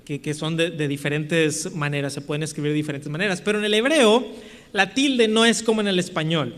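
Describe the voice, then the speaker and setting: A man's voice: high voice, fairly bright tone. A man with a Mexican Spanish accent preaching a sermon as pastor, teaching patiently and often checking in with the congregation. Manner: teaching, explains slowly with repeated questions to the congregation. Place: church sanctuary. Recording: church hall with long reverb.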